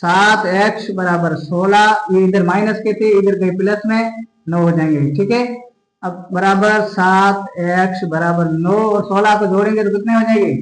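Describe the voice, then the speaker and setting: High-voiced man teaching math, echoey room. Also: steady tone, unhurried. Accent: Rajasthani Hindi. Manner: addresses students repeatedly, checks for doubts. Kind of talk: classroom math lesson.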